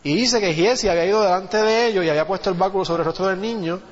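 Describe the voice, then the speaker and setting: A man preaches a sermon, telling a Bible story and checking in with his listeners as he goes. His voice sits high, and long reverb from a large hall trails each phrase. The audio is dull and muffled. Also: rapid-fire. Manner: conversational Bible teaching, asks the congregation "¿viste?".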